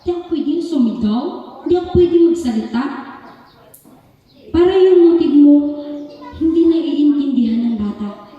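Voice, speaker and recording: High-voiced woman preaching in a hall. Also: highs cut off. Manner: conversational, mixes in English, keeps addressing the congregation. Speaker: lay preacher. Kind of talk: sermon. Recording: echoey hall, recorded from far off.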